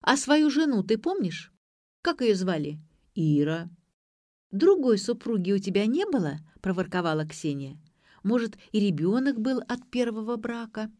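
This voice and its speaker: A brash, bossy young woman, acted by a woman reader, high and loud with blunt slangy retorts. Her audiobook lines land dry and close, with no room around them. She pushes and prods in every line. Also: sing-song, moderate pace, no room sound, natural voice. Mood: prodding. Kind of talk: audiobook character voice.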